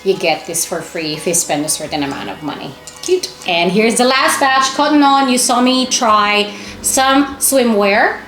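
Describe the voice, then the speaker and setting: A woman's voice: a little high, lively intonation, measured pace, fairly bright tone, slight background noise. A woman vlogger chatting casually and enthusiastically to camera as she shows things off in a shopping haul. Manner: chatty, enthusiastic, exclaiming over items. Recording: echoey room with music underneath.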